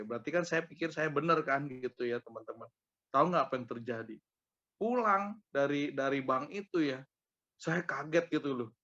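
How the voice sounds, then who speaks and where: A man shares a personal testimony in a relaxed, chatty way, stacking up filler tags as he tells the story. His pitch sits in the middle of the male range. The recording sounds dull and lo-fi. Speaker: small-group member sharing a testimony.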